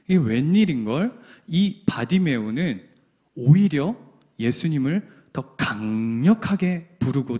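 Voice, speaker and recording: A man's voice: medium pitch, a little mellow. A man preaching a sermon in an emphatic way, often putting questions to the congregation. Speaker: pastor.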